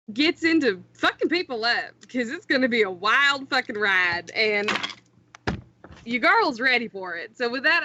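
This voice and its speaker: A woman's voice: sits high, bright, forceful tone, dry recording. A woman player in a tabletop game chatting casually, laughing and cheerfully swearing. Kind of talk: casual out-of-character chat. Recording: dull lo-fi mic.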